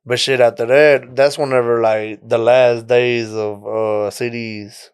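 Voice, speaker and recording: A man's voice: medium pitch, a little slow, clean tone. A man, telling his story casually as a rapper guest on a podcast. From Mexico. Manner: relaxed storytelling, frequent "you know what I'm saying".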